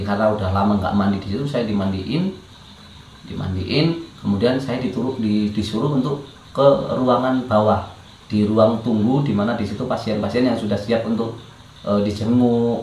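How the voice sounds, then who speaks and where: A man's voice: lowish voice, darkish tone, reverberant, a little hiss or hum, low-quality recording. A man, a guest telling his life story in a hesitant, casual way with fillers and restarts.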